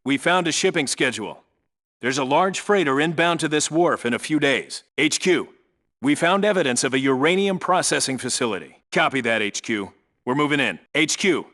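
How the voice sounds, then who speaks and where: Voicing a no-nonsense SEAL team leader for a military video game, a male actor gives clipped, authoritative squad orders and reports in a businesslike way. His pitch runs on the high side, with a bright, forceful tone.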